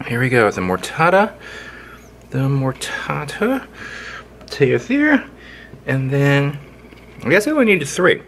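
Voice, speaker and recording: A man's voice: mid-range voice, big pitch swings, a little slow, long pauses, a bit bright, a little hiss or hum. A man hosting a casual cooking video, talking playfully as he works in his kitchen with sing-song sound effects. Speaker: home cook, channel host. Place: indoor kitchen, overhead camera on hands.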